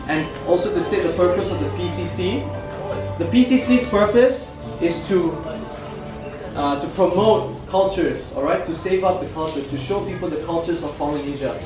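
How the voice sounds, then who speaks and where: In an outdoor cultural park with food trucks, a twenty-something tour guide from Malaysia playfully jokes with his group, whom he calls "family." He speaks at normal speed in a high-sitting voice, with music in the background and a rough recording from a camera a few steps away.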